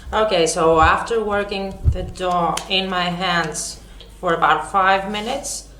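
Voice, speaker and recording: A woman's voice: on the low side, steady tone, takes it slowly, bright, forceful tone, echoey room, a little hiss or hum. A woman hosting a home cooking lesson, chatty, with many fillers and self-corrections. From Greece. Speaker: cooking show host.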